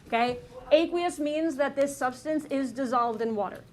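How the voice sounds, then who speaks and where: A woman's voice: high voice, moderate pace, darkish tone, a little hiss or hum. A woman teaching a chemistry class, explaining step by step and checking in with "okay?" and "right?" after nearly every point. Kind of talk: classroom lecture.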